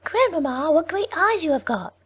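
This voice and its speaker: A woman doing a high, sing-song little girl. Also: sing-song, moderate pace, fairly bright tone, heavily acted. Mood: wondering. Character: innocent little country girl.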